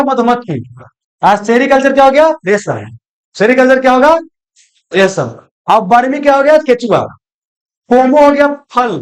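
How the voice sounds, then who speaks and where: A teacher gives a recorded exam-coaching lecture, asking questions aloud and answering them, repeating key terms and calling students "babu". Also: mid-range voice. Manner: folksy, calls students "babu".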